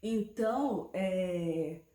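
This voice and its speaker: In an echoey room, a woman vlogger in her forties uses a warm, fairly low voice and drawn-out words to explain a health topic. She sounds conversational and explanatory, frequently checking in with the viewer through tag questions.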